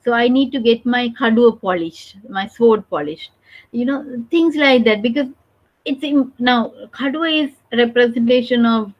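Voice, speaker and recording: A middle-aged woman from Sri Lanka, giving an academic conference talk in a halting, discursive way with many restarts. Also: on the high side. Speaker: conference speaker. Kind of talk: academic lecture. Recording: dull lo-fi recording.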